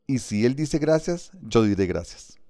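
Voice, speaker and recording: A man's voice: medium pitch, lively intonation, dark tone, smooth, dry recording. Man narrating an audiobook, dry sound. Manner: measured, vivid storytelling.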